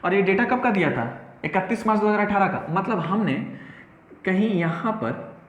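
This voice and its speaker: Man, accounts teacher, animated call-and-response lecture, very lively pitch, echoey room. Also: moderate pace, dull audio. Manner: animated, playful, repeats key terms and answers his own questions. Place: classroom with whiteboard. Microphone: camera in the room.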